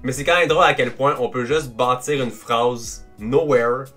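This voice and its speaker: A man from Quebec talks in a Québécois French accent, chatty and laughing easily as he reacts to clips. His voice is bright and forward, at an ordinary pitch for a man. Soft music plays faintly underneath. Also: normal speed. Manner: chatty, laughs often, explains language quirks. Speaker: reaction video host. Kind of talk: casual reaction commentary.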